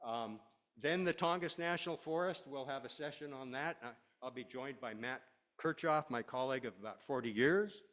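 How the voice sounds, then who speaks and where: A man's voice: medium pitch, moderate pace, a bit bright. Older male lecturer, plain mid-range voice, loose and folksy, talking through slides. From Washington State, USA. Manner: folksy and rambling, with many uh fillers. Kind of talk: slide presentation to a class.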